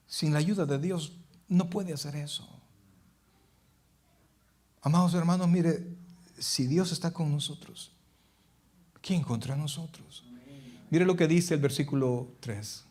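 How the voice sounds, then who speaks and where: A middle-aged pastor preaching a sermon in a church, asking the congregation questions and swinging between loud and hushed passages. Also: male voice, fairly high pitch, slow, long pauses.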